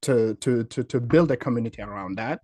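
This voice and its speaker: Guesting on a relaxed video-call interview, a company founder from Senegal laughs easily and speaks warmly, using many fillers. He has a medium-pitched, mellow voice in a dry recording.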